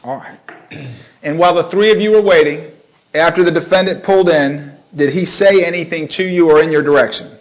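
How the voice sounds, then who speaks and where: A man's voice: fairly high pitch, fairly quick, rough recording. A man questioning a witness as a prosecutor in a formal, methodical way, in a courtroom recording.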